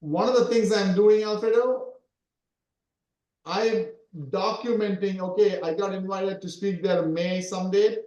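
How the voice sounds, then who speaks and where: High-voiced man coaching in a roomy echo. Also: steady tone, measured pace, dark tone, muffled recording. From Sri Lanka. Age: 40s. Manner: repetitive, keeps asking "right?". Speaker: SEO coach. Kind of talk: coaching talk in an interview.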